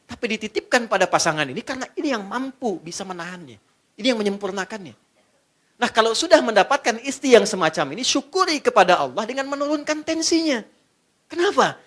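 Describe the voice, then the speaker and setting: A man from Indonesia giving an Islamic study lecture in a lively, conversational way, joking with his audience. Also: high-pitched. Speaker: preacher.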